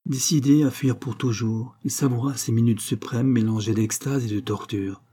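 A man narrating a classic novel as an audiobook, in a measured literary reading. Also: mid-range voice, fairly even intonation, warm tone, slightly rough.

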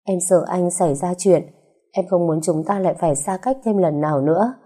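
A woman narrator voices a young wife, loving and near tears, speaking with emotion and pleading. Her voice is low and mellow, close to the storyteller's own. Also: a little fast, close to an everyday voice. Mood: tender.

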